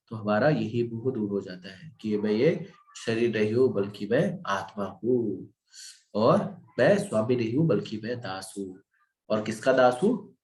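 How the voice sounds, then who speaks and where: A man's voice: medium pitch, reverberant. A man giving a devotional scripture class, asking questions and answering them himself. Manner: animated, asks and answers own questions. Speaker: Gita teacher.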